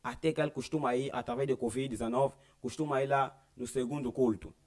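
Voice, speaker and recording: A man's voice: medium pitch, fairly even intonation, brisk, darkish tone. Young Angolan-accented man telling his faith testimony earnestly, voicing each quoted line. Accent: Angolan Portuguese. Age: young adult. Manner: earnest storytelling that acts out quoted dialogue. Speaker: church member giving testimony. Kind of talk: personal religious testimony.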